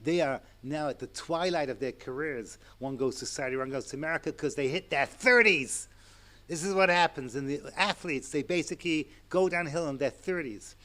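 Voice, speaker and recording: A man in his sixties giving a Torah lecture to an audience, animated and chatty, with asides and chuckles. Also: a little high, normal speed. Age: 60s. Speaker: rabbi and lecturer.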